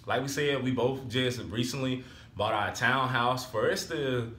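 Speaking at a measured pace in a medium-pitched, fairly bright voice, a 21-year-old Alabama man vlogs from a small room at home. The audio is reverberant with slight hiss or hum, and his relaxed, rambling chat keeps returning to "so therefore."

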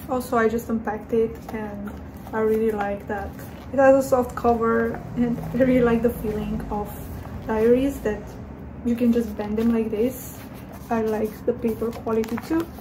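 A woman vlogging in a casual, chatty way, gushing and rambling with fillers as she talks through her day. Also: on the high side. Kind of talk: casual vlog chat. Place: city streets, cafes and home. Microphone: phone camera. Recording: noisy street ambience with traffic. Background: street noise and vehicles.

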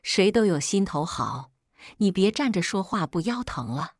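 A woman narrating a first-person family story in a conversational, exasperated way. Her voice sits low but moves a lot in pitch, and the recording is dry and close. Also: very animated, normal speed, dry recording.

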